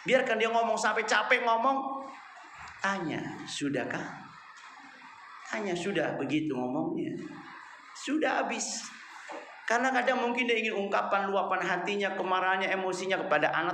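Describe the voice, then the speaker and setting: A man preaching a lively, humorous religious lecture, weaving in Arabic phrases. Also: sits high, echoey room, slight background noise.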